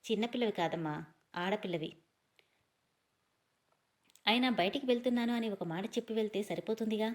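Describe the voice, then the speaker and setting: Storybook: a female narrator playing a calm older mother-in-law, firm but kind. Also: medium pitch, a little fast, long pauses, lightly acted. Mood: gentle.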